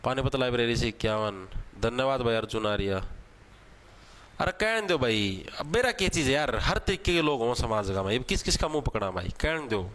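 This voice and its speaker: A man's voice: mid-range voice, expressive, normal speed, fairly bright tone. A young man with a Haryanvi accent teaching an exam class, chatty and joking, calling his students brother. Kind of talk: live online class with memory tricks.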